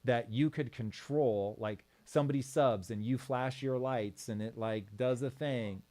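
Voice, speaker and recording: A man hosting a casual livestream, giving easygoing advice in a dry, relaxed manner. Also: mid-range voice, unhurried. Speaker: streamer host.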